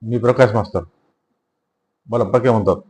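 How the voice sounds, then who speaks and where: A man's voice: on the low side, normal speed, a little mellow, breathy edge. A male village schoolteacher in a spoken novel who arrives running to report trouble, voiced by the man reading the book. He talks in an urgent, breathless rush.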